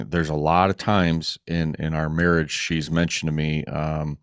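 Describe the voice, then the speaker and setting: Deep monotone middle-aged guy, earnest, lots of pauses, dry close mic. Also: clear, resonant tone, no echo. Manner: earnest and halting, many pauses. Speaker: guest, racing club organizer. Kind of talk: casual podcast interview.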